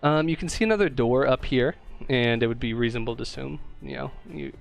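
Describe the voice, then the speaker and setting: A man running a tabletop game as game master, describing scenes in a relaxed, hesitant way with many fillers. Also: mid-range voice, fast talker, gravelly, faint music behind.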